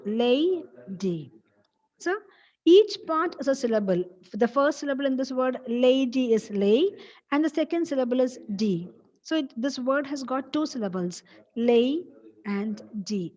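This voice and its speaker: A woman's voice: a little high, a little mellow. A woman with a Malayali accent giving an online English lecture, patiently explaining each point and repeating example words while mixing English and Malayalam. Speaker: college English teacher. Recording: dull lo-fi audio.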